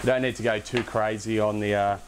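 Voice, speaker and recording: A young man hosting a casual cooking demonstration in a home kitchen, relaxed and chatty, with self-deprecating asides. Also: lowish voice, a little fast, a little hiss or hum. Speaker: cooking show host. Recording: background music under the voice. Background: music and pan sizzling.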